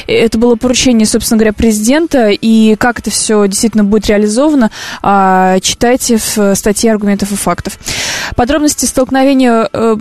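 A woman's voice: a little high, a little mellow, no echo. A woman co-hosting a radio show, reading news items in a casual, chatty way with frequent hesitations.

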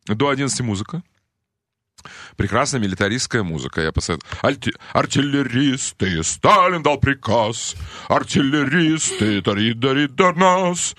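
A male radio host holds forth in a rambling, irreverent, joking manner. His voice is bright and his pitch swings animatedly, and the sound is close and dry with no room around it. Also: no echo. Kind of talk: radio talk show.

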